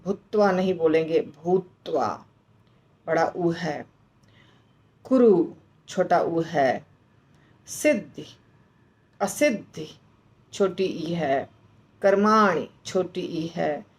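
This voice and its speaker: A woman teaching how to pronounce and recite a verse, explaining slowly and patiently and chanting the lines. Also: fairly low pitch, expressive. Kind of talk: slow recitation lesson.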